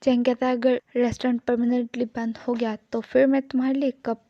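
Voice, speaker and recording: A woman's voice: on the high side, level tone, fast talker, no echo, muffled recording. A woman narrating a casual plot recap. She retells the scenes line by line and quotes each character plainly.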